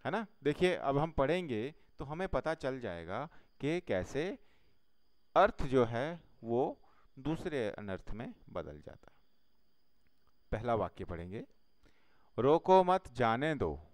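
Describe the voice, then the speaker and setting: Slow, expressive man teaching a lesson. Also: medium pitch, no echo. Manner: slow, explaining step by step with pauses. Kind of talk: Hindi grammar lesson.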